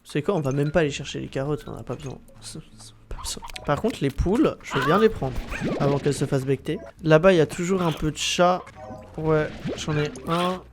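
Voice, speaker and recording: A man's voice: fairly high pitch, fairly quick. A man with a blocked, nasal-sounding nose, giving casual, slangy, sweary gameplay commentary to his viewers. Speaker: gaming video host. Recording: background noise behind voice.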